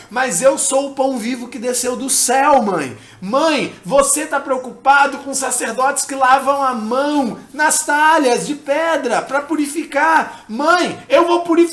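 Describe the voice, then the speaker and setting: A man's voice: very high-pitched, a bit bright. A man preaching takes on the voice of an adult Jesus earnestly pleading with his mother, repeating his appeals. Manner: impassioned, repetitive pleading. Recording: roomy church hall.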